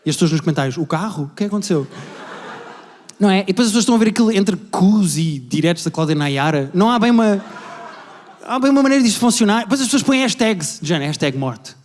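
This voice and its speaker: A young man with a European Portuguese accent performing live stand-up comedy, telling family stories at a rapid pace and acting out his relatives. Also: high-pitched. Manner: rapid, animated storytelling, acting out family members. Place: large indoor venue with a live audience. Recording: long hall reverb from a live venue.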